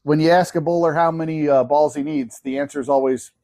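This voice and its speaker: A man's voice: fairly high pitch, steady tone, fast, warm tone. A man co-hosting a casual chat, easygoing, often restarting his sentences.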